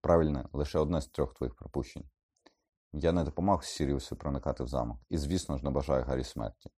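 A man voicing a calm, weary adult teacher in an audiobook reading, speaking in a measured way. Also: very deep voice, husky. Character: calm weary grown male teacher, a werewolf. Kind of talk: audiobook character voice.

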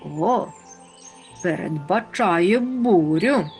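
A woman doing a calm fatherly creature. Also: lowish voice, drawn-out words, soft background music, heavily acted. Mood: grave. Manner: calm, explaining. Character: kindly fatherly storybook creature, wise.

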